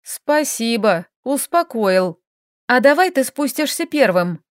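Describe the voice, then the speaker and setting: A woman voicing a stubborn, feisty young heroine who bickers and exclaims in quick, sharp lines, read from an audiobook. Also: fairly high pitch, big pitch swings, no echo, clean studio sound.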